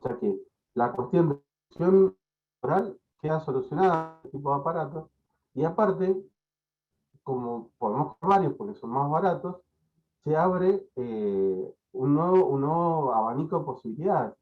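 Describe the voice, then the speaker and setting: Male lecturer on a video call with bad, cutting-out internet; tinny, hesitant, full of fillers. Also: mid-range voice. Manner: hesitant, many fillers and repeated words. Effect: choppy, breaking-up internet connection. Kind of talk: online lecture. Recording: tinny, choppy online call audio.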